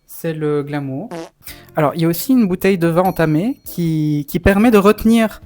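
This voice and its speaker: A man's voice: a little high, moderate pace, darkish tone, faint music behind. A young man chatting casually for a vlog in the campy, playfully theatrical manner of a drag queen. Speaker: drag performer and vlogger.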